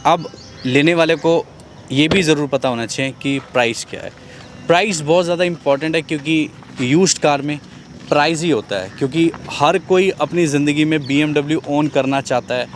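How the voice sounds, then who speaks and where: A man's voice: a little high, moderate pace, a little hiss or hum. A man presenting a car sales vlog in a conversational way, repeating key points for viewers.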